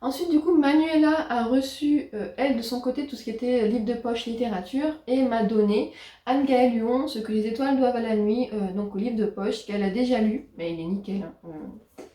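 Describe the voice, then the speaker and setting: Woman, book vlogger, casual and hesitant, fairly high voice, roomy echoey recording. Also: mellow. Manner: chatty, hesitant with frequent pauses. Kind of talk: casual book haul chat. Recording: roomy echo.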